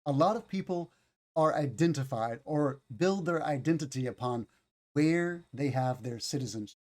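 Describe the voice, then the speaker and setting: A man's voice: a little high, expressive, normal speed. A tired American man with a Southern accent teaches an online English class, patiently explaining and repeating key words. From United States.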